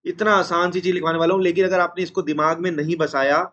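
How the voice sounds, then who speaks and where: A man teaching an accounts class, unwell with a strained chest, repeating formulas slowly and scolding noisy students. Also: fairly high pitch, level tone, bright, forceful tone, muffled recording. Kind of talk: classroom lecture.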